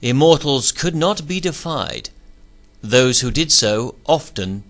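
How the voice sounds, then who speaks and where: A man narrating a rhyming storybook retelling in a measured, expressive way. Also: medium pitch. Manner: measured, expressive verse reading.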